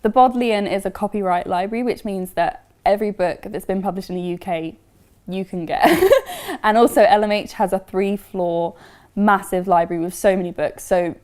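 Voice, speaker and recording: Young woman explaining, measured. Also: medium pitch, darkish tone. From Essex, England. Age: young adult. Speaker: university student. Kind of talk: casual interview testimony.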